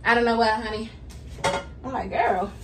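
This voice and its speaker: A young mother vlogging in her home kitchen chats to viewers, calling them y'all, as she unpacks her groceries, hot and sweaty. Her voice is a little high and normally paced, picked up by a camera on the counter at a distance in a noisy room.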